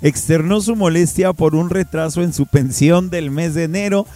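A man's voice: on the high side, normal speed, dark tone, no room sound, soft background music. A man with a Mexican accent hosting a radio show in a casual, slangy, jokey way. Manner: slangy, jokey, often laughing. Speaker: radio host.

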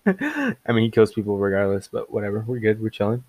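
A young man giving casual reaction commentary, excitable and mocking, often laughing and jumping up in pitch in disbelief. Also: normal speed, no room sound. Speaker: online commentator.

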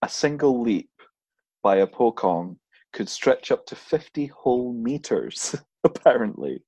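A man's voice: medium pitch, expressive, unhurried, mellow, slightly rough, no echo. A man co-hosting a podcast, telling a story in casual chat and laughing often as he talks. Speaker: podcast co-host.

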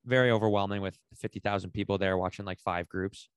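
A man co-hosting a casual podcast, telling a rambling, animated story full of slang and swearing. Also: low-pitched, fast, clear, resonant tone, dry recording. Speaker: podcast co-host.

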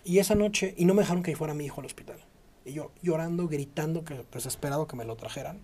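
A man in his thirties with a Mexican Spanish accent, telling a story to a friend. His voice is dark and mellow, and he acts out every line of dialogue, jumping into sudden high-pitched shouts. He swears freely and keeps the telling lively. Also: fast talker, a little hiss or hum. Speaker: guest telling a personal story. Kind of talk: casual conversational storytelling.

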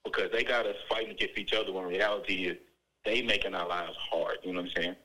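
A man's voice: sits low, fairly even intonation, fast, sharp tone, poor audio. A man calling in from a prison phone, speaking fervently and often saying "you know what I'm saying". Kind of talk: impassioned phone call. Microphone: prison phone line.

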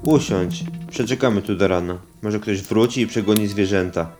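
A man voicing a steady young man who reassures his frightened girlfriend. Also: lowish voice, normal speed, lightly acted. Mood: calm. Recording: music underneath.

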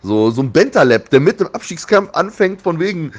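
A man's voice: on the high side, big pitch swings, brisk, husky. A man chatting casually about football as an opinionated fan, with a blunt, slangy, exasperated way of griping.

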